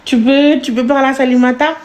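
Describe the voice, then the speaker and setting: A woman live streaming in casual chat, cooing doting baby talk and breaking into wailing, sob-like high notes. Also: fairly even intonation, brisk, darkish tone, reverberant.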